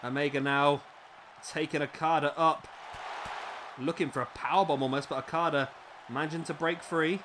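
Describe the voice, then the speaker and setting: On the high side and slightly raspy, his voice carries wrestling video game play-by-play at a moderate pace, broken by long pauses. Background noise is present; he's excitable at big moves and chatty in asides.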